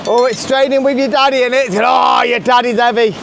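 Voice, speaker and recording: A woman chatting casually and exclaiming excitedly while riding a roller coaster outdoors. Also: on the high side, brisk, gravelly. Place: outdoors on an amusement park ride. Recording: noisy outdoor ride, clattering vehicle sounds.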